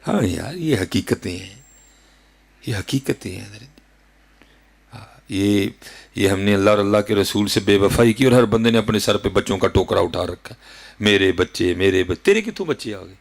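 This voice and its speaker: A man in his thirties with a Punjabi accent, preaching a sermon with fervent rhetorical questions, sudden leaps in pitch and frequent address to his listeners. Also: gravelly. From Pakistan. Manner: keeps addressing listeners as "hazrat ji". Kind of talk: Urdu sermon.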